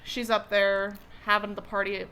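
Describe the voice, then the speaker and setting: Rambling young woman, bright voice. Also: medium pitch, flat delivery, normal speed, a little hiss or hum. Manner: rambling, hesitant, full of fillers and restarts. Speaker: co-host. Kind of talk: casual chat while eating.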